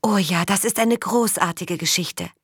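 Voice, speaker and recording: A woman voicing a gentle young farm girl who speaks softly and eagerly, lifted higher than her own voice. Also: a little fast, slightly rough, dry recording, studio quality, natural voice. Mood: eager storytelling. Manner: soft, eager.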